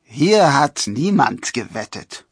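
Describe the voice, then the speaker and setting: A man's voice: medium pitch, moderate pace, pushed and bright, no echo, studio quality, pitched above the performer's own voice. A man doing a taunting, sly forester. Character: boastful male forester who bets, sly bully.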